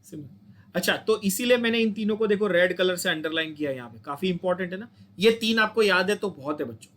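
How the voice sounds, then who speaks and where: High-pitched Indian man teaching chemistry. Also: lively intonation, fast, a bit bright, slight background noise. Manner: coaxing, repeats points and asks students to say them back. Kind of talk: online lecture.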